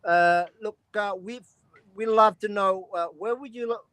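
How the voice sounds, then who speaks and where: A man in his fifties hosts a casual livestream, his voice pitched high for a man. He strings his sentences together with many fillers and calls his guest "love". The sound is close and dry. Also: a little slow, a bit bright, clean tone, no room sound. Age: 50s. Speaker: livestream host. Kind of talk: casual interview hosting.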